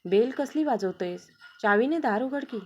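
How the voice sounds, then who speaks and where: A woman voicing a shy but quick-to-scold young wife in a read-aloud family story, on a dull lo-fi recording. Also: a little high, expressive, darkish tone. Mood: annoyed. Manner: scolding, bashful. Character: young wife, shy and tired, easily vexed.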